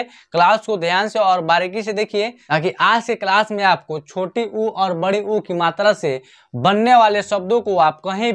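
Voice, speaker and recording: A man teaching an online Hindi lesson, often asking a question and answering it himself and repeating key points. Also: sits high. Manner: repetitive, asks and answers his own questions.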